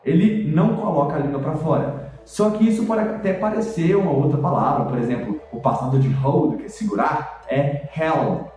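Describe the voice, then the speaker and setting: A man's voice: fairly high pitch, normal speed, recorded from a distance, a little hiss or hum. Chatty man teaching in an echoey room. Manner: lively, chatty, demonstrates sounds. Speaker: English teacher. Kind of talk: explanatory video lesson.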